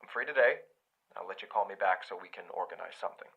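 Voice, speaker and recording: Brief: a measured, low-voiced caller in a voicemail, dull lo-fi sound. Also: male voice, expressive, vocal fry, pushed and bright, exaggerated voice. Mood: concerned. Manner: measured, serious. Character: man named [name], concerned and serious. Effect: recorded voicemail message.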